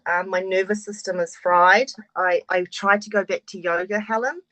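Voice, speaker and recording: A woman's voice: mid-range voice, steady tone, moderate pace, fairly bright tone, no echo, poor audio. A woman in her forties giving a frank, open introduction of herself on a video call, swearing now and then. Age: 40s. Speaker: course participant.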